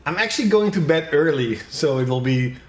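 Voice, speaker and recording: A young Dutch gaming streamer with a Dutch accent commentates casually on his game and chats with viewers, swearing now and then. His voice is a little high, fairly quick and lively in intonation, and the sound is reverberant.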